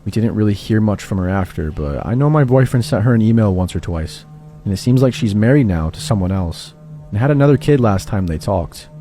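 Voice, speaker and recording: A man giving a steady, scripted first-person narration of a true horror story. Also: fairly low pitch, brisk, faint music behind.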